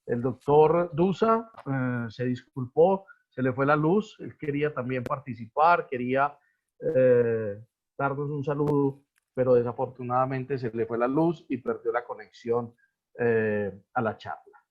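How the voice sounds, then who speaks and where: A man's voice: medium pitch, measured pace, narrow, tinny audio. A man moderating a video-call webinar, hesitant, with many fillers and restarts. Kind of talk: hosting a live video webinar.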